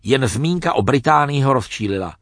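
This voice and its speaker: Guy narrating a funny story, deadpan, dry mic. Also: mid-range voice, no echo. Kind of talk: comic storybook reading.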